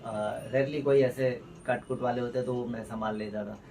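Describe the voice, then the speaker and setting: A man's voice: medium pitch, fairly even intonation, moderate pace, mellow. A young man, a vlogger and new father, telling a personal story in a heartfelt, rambling way with restarts. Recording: distant mic with faint ambient noise.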